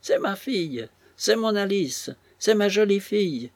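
A man's voice: lively intonation, measured pace, no room sound. A man playing a frantic wailing old woman. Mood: ecstatic. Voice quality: wailing, shrill cries.

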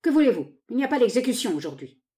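A woman reading aloud, voicing a gruff male detective chief who talks in a raised, exclaiming voice. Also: on the high side, sing-song, fast talker, warm tone, voice pushed up.

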